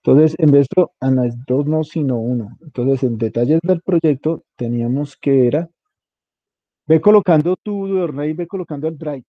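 A man's voice: fairly high pitch, normal speed, dry recording, narrow, tinny audio. Informal man coaching a student. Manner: informal, coaching, spells out details. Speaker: instructor. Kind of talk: guiding a student through a web page setup.

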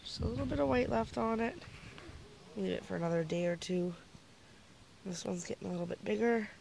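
A woman's voice: medium pitch, a little fast, vocal fry, a little mellow. A woman chatting casually to her camera as she shows off her garden and her lunch. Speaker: family vlogger. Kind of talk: casual vlog narration. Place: home and backyard garden, outdoors at times.

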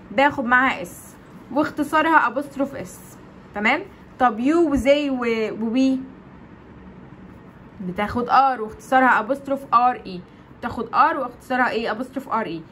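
Egyptian lady teacher, kinda high voice, keeps asking questions and answering herself, bit of hiss. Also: a bit bright. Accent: Egyptian Arabic. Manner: asks students questions then answers them herself; repeats key points for drilling. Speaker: English teacher. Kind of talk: explaining grammar lesson.

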